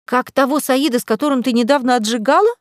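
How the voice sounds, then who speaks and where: A woman voicing Alya, a playful, party-loving young woman who talks in a capricious, lively way. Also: fairly high pitch, brisk, clean tone, no room sound, clean studio sound, close to an everyday voice.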